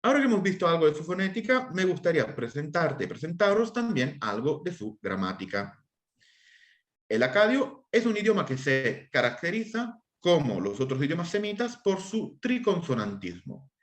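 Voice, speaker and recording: A man's voice: a little high, moderate pace. Guy explaining stuff like a lecturer, voice going up and down a lot, keeps asking if you follow. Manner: lively, checks in with listeners often. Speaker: assyriologist lecturer. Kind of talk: explanatory lesson in an interview.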